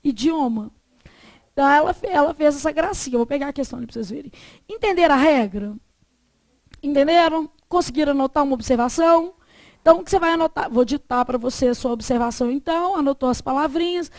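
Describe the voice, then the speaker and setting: High-pitched woman teaching grammar. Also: a little mellow, no room sound. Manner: poses fill-in questions for students to answer, dictates slowly. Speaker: Portuguese teacher. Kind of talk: classroom grammar lesson.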